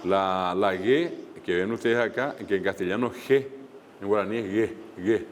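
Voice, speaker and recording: A man's voice: fairly low pitch, normal speed, big-room sound, slight background noise. A man teaching a language class online, explaining step by step with frequent fillers and repeated examples.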